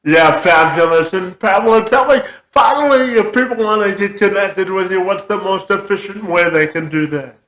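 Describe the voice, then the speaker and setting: A man hosting an interview, asking halting questions with many fillers. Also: high-pitched, fairly bright tone, roomy sound, low-quality recording. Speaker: interview host.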